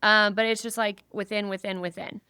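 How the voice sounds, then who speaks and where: A woman's voice: mid-range voice, little pitch movement, a little fast, bright, forceful tone, clear, resonant tone, no echo, studio quality. A woman co-hosting a podcast in a chatty, joking way. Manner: chatty, jokey, quotes movie lines. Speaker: podcast co-host. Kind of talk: casual chat.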